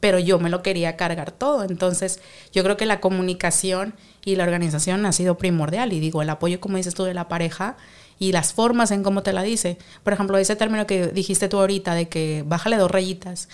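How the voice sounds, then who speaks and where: Mexican woman, lively storyteller, chatting casually with her partner. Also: fairly low pitch, fairly quick, clean tone. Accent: Mexican Spanish. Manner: animated storyteller, acts out quotes. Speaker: co-host talking with her partner. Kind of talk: casual conversation.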